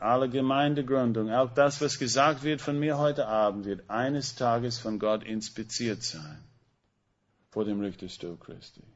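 A man preaching a sermon, slow and emphatic, putting rhetorical questions to the congregation. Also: mid-range voice, highs cut off.

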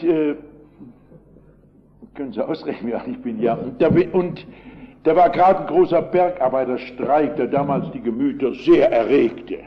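An older pastor preaches with emphatic, impassioned force in a fairly high voice. The recording is dull and lo-fi. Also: male voice. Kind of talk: sermon.

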